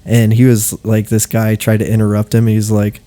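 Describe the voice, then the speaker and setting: Laid-back young man with a dark, mellow voice. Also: on the low side, monotone, normal speed, no room sound. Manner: laughing storyteller, says dude a lot, acts out quotes. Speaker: podcast co-host. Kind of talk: casual chat.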